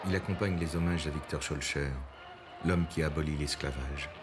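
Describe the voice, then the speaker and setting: A man reading scripted documentary narration in a measured, composed way. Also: extremely low pitch, steady tone, background noise.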